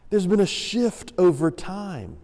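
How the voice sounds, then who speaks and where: Slow, lively-pitched preaching man. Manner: measured, emphatic preaching. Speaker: senior pastor. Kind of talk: sermon. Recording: long reverb of a large room.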